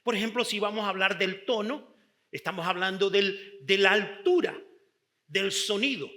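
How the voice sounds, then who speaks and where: High, bright-voiced preaching pastor. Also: male voice. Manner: emphatic, drawn-out preaching with sudden shifts in loudness. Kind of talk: sermon.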